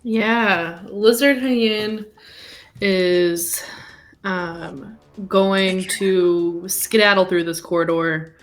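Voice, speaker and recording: A woman's voice: mid-range voice, fairly even intonation, drawn-out words. A woman playing in a tabletop game, describing her character with many hesitant ums. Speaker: player.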